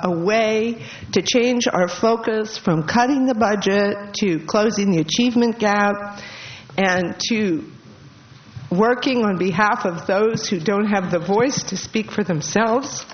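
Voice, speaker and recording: A tearful woman gives a farewell speech at a public meeting, her voice catching as she laughs through the tears. She speaks haltingly with mid-range pitch. The recording is dull and lo-fi, with faint noise behind her. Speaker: departing school board member.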